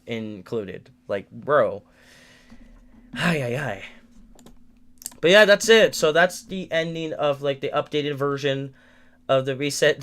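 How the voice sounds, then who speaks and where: A nineteen-year-old man vents in a rambling livestream update from a room in his family home, restarting often and repeating words out of frustration. His mid-range voice is clear and resonant, with a slightly bright tone.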